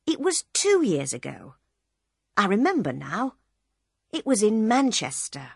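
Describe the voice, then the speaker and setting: Woman reading as a chatty, rambling man, lively and slow, for a storybook. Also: mid-range voice, gravelly, breathy edge, no room sound, studio quality, voice pushed up, exaggerated voice. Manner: rambling, talkative. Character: loud red-faced chatty man on a train.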